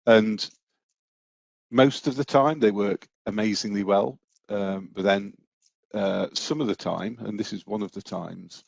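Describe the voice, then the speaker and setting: A man who leads an analytics team, talking informally in a meeting with frequent halting pauses. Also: lowish voice, fairly even intonation, creaky, no echo.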